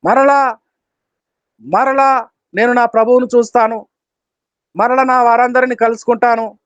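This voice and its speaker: High-voiced emphatic male preacher. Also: steady tone, unhurried, no echo. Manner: emphatic, repetitive, rhythmic listing; slips in short English phrases. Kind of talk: Easter sermon. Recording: dull, dry lo-fi recording.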